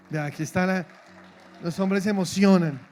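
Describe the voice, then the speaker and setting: Un hombre, pastor, que predica un sermón con acento colombiano, de forma animada y con humor, imitando voces al citar a otros. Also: male voice, high-pitched, a little slow, faint music behind. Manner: lively, humorous, acts out quoted voices. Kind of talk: sermon. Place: church.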